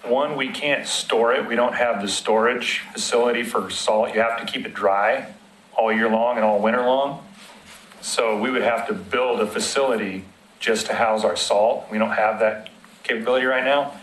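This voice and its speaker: A man's voice: medium pitch, fairly even intonation, moderate pace, fairly bright tone, a little hiss or hum. A man from city road maintenance explaining winter operations to a committee in a plain, practical way, using everyday examples. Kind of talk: public committee meeting discussion. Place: council meeting room. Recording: echoey meeting room.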